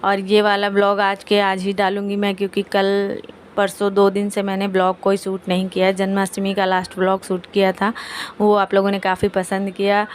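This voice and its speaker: Soft-spoken woman narrating a home vlog. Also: completely flat delivery, moderate pace, a little hiss or hum. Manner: soft, lowered voice so as not to wake a sleeping child. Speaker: vlogger. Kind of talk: casual vlog voice-over.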